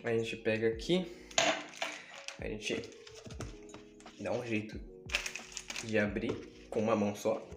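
A young Brazilian man filming a casual house tour on a handheld phone, joking and self-mocking, swinging between low mutters and loud outbursts. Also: little pitch movement, slow, long pauses. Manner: playful, self-mocking, drops to mutters then shouts. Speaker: YouTuber giving a house tour. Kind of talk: casual vlog, joking to the viewers. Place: home kitchen and bedroom, indoors. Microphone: handheld phone camera. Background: lo-fi music playing.

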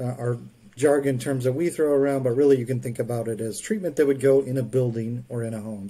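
A man with a mellow, warm voice speaks as a podcast guest. He explains technical matters in a measured, methodical way. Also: mid-range voice, slightly rough, low-quality recording. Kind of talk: expert explanation in interview.

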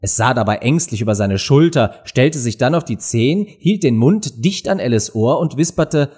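A man reading a storybook aloud with lively, expressive narration. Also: mid-range voice, moderate pace, slightly rough. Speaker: audiobook reader.

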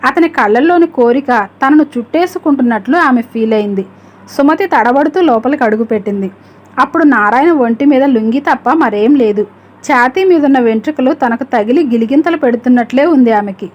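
A woman telling a story as an audiobook, reading at a steady, measured rate. Her voice is notably high and clear throughout. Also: lo-fi sound. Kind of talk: audiobook narration.

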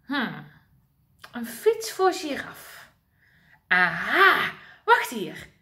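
A gruff, helpful male animal from a children's story, talking low and slow, as a woman puts him on. The voice stays bright underneath. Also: huge pitch swings, heavily acted.

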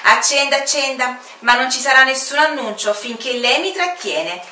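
Stubborn airport commander guy, bossy and indignant, as a woman acts him, lively up-and-down voice. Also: high voice, moderate pace, echoey room, recorded from a distance, a little hiss or hum, voice pushed up, full character voice. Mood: mocking.

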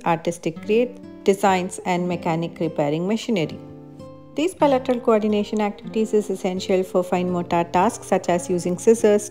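Over soft guitar, a low-voiced woman narrates a parenting activity video. She reads the benefits in an even, explanatory way, and faint guitar music runs under the voice-over.

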